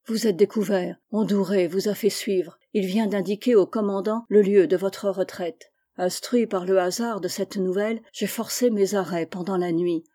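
A woman's voice: mid-range voice, steady tone, normal speed, hardly any pauses, dark tone, natural voice. A woman reading the part of an army captain, stern but kindly, urging a friend to flee. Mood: urgent.

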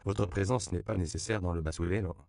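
A man reading a wry, calm Jesuit brother. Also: deep voice, fast talker, gravelly, clear, resonant tone. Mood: matter-of-fact. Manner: calm, matter-of-fact. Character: plain-spoken male Mexican Jesuit brother, patient, wry. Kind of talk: audiobook character reading.

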